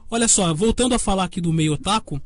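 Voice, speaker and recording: A man's voice: high-pitched, quick pace, no echo, clean studio sound. A man with a Brazilian accent hosting a live web radio show, his voice clipping and distorted on an overdriven microphone as he chats casually and reads out listener messages. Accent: Brazilian Portuguese.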